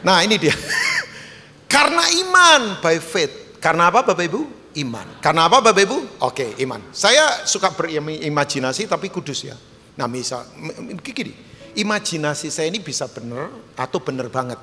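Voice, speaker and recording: A man pastor preaching a sermon in a church, animated and emphatic, joking with the congregation. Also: fairly high pitch, normal speed, slight background noise. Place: church hall. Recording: live church hall with long reverb.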